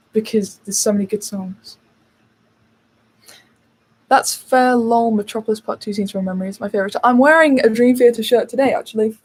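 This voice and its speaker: A woman's voice: fairly high pitch, a little mellow, breathy edge, poor audio. A young British woman hosting a casual livestream, chatting and answering viewers' questions with lots of fillers. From United Kingdom. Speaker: channel host.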